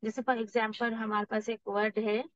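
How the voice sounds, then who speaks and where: A woman teaching Quran recitation rules, explaining patiently and reciting example words slowly and drawn out. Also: a little high, flat delivery, dry recording. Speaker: tajweed teacher. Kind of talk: recorded Quran recitation lesson. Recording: dull, dry lo-fi recording.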